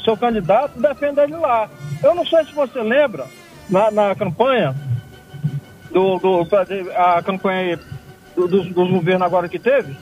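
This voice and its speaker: Halting male caller on a muffled line. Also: sits high, darkish tone, soft background music. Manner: halting, repeats words, insistent. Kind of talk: radio call-in.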